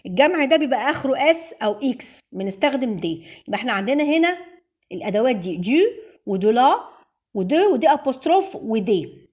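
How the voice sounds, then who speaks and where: A woman's voice: high-pitched, sing-song, fast talker, a little mellow, highs cut off. Egyptian woman teaching French vocabulary. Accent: Egyptian Arabic. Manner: patient, repeats vocabulary aloud for drilling. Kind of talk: classroom lesson.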